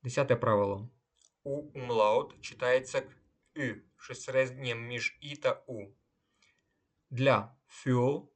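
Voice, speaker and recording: A man teaching pronunciation rules, talking slowly and deliberately, with a pause after each word and example. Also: medium pitch. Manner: slow and deliberate, pausing between words and examples. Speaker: language teacher. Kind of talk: instructional explanation of German pronunciation rules.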